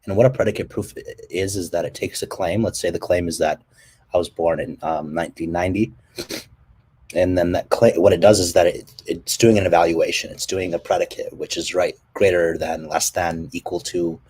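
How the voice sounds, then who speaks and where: Deep husky guy explaining tech stuff, lots of ums, keeps restarting. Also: steady tone, a little mellow. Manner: halting, many ums and restarts, coughs between phrases. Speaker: company presenter. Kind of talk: technical presentation and Q&A.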